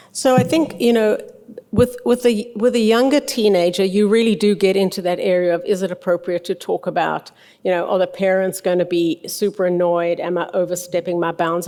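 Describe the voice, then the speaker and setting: A woman's voice: mid-range voice, a little mellow. An older woman, a conference presenter, answers audience questions in a frank, conversational manner. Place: large hotel ballroom stage. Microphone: podium microphone. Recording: long hall reverb from PA.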